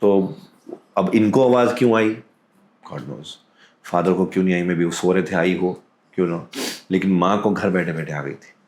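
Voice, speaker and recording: A man with a low voice and an Indian accent tells a true ghost story as a podcast guest. He speaks calmly and deliberately, mixing Hindi and English. His voice rings in a roomy echo. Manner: calm, deliberate, drops into quoted voices.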